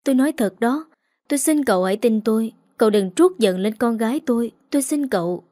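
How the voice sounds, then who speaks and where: A woman's voice: fairly high pitch, expressive, a little fast, dark tone, no room sound, clean studio sound, close to an everyday voice. Woman reading as a remorseful pleading old father. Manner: pleading, humble.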